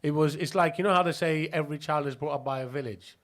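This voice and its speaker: Man, from Pakistan, podcast guest, slightly high voice, rambling, laughs a lot. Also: quick pace. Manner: chatty, laughing, many restarts. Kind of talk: casual interview storytelling.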